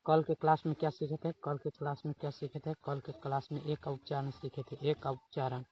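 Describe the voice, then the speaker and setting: A man's voice: a little high, level tone, a little fast, lo-fi sound. A man teaching an online spoken English class, repeating his prompts often and spelling example words letter by letter. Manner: repetitive, keeps saying "dekhiye" and "theek hai".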